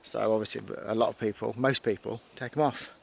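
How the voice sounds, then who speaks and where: A man's voice: on the low side, steady tone, brisk, gravelly. A man from the United Kingdom casually talking to camera while riding a bike on an outdoor path, rambling with fillers and restarts. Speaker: cycling vlogger. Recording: outdoor wind and road noise.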